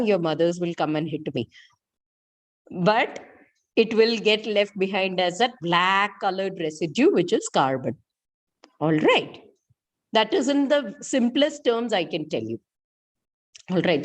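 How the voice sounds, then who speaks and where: Woman, middle-aged, Indian accent, chemistry teacher, interactive lesson, questioning manner, repeats key points. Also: mid-range voice. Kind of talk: interactive online school lesson.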